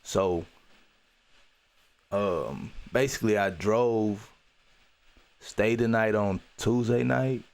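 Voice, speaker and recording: A man's voice: fairly low pitch, takes it slowly, vocal fry, long pauses, darkish tone. A man hosting a podcast, telling a personal story in an earnest, reflective way. He talks loosely with fillers and restarts and repeats key phrases for emphasis. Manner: loose, with many "you know" fillers and restarts. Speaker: podcast host.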